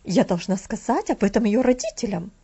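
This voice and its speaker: A woman's voice: medium pitch, big pitch swings, brisk, warm tone, husky, lo-fi sound. A woman voicing a strict governess who speaks with outraged indignation. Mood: indignant.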